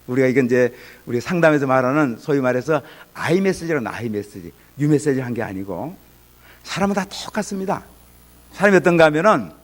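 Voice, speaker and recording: A middle-aged man preaching a sermon as pastor, animated and acting out little scenes of angry and gentle parents. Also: fairly high pitch.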